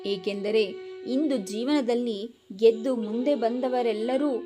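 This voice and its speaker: A woman delivers scripted motivational narration in a slightly high voice with an unhurried, deliberate cadence. Her tone is grave and admonishing as she addresses the listener directly, over clear background music throughout.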